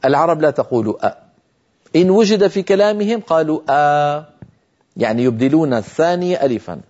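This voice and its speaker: A middle-aged man gives a recitation lesson in a mellow, warm voice. He exhorts his listeners earnestly and stretches vowels out to show how they sound. The audio is dull and lo-fi, like an old broadcast. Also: on the high side, animated, fast. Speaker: Quran recitation teacher. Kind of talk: tajweed lesson lecture.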